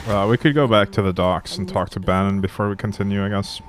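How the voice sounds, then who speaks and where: A man streaming a game live, giving relaxed, playful commentary and explaining things as he plays. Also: fairly low pitch, fast, slight background noise. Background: game music.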